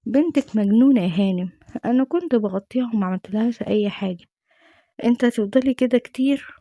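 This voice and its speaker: A woman's voice: a little high, fairly even intonation, fairly quick, warm tone, dry recording, studio quality. A woman voicing a cold, scheming father. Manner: cold and dismissive. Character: cold, manipulative middle-aged father.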